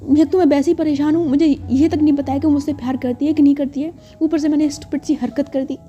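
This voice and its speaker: A woman's voice: high-pitched, fairly even intonation, fast talker, mellow, close to an everyday voice. A woman voicing a shy young woman in love who stammers and pleads anxiously, in a lo-fi recording with faint music. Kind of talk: storytelling voice acting.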